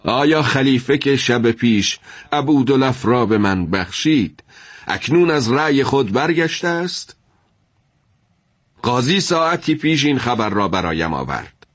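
A man voicing a furious, proud male army general who shouts in wrath, in a told story. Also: mid-range voice, big pitch swings, voice pushed up. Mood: stern.

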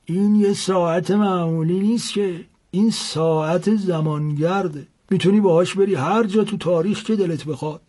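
A mysterious old clock seller with a teasing streak, put on by a man telling a story. He speaks slowly and in a drawn-out way, a little higher than the teller's own voice. The tone is husky. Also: mellow. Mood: knowing. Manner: slow, drawn-out, knowing.

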